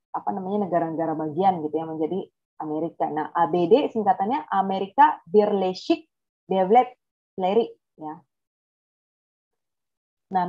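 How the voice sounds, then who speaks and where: A woman's voice: medium pitch, dull audio. A woman teaching a Turkish vocabulary lesson, thinking aloud and correcting herself as she goes. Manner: thinks aloud, corrects herself, checks words mid-sentence. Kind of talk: online language lesson.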